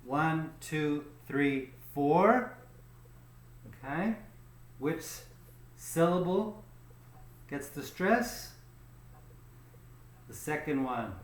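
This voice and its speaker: A man teaching English pronunciation in a slow, patient lesson, often checking in with "okay?" and stretching out the example words. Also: on the high side, lively intonation, reverberant.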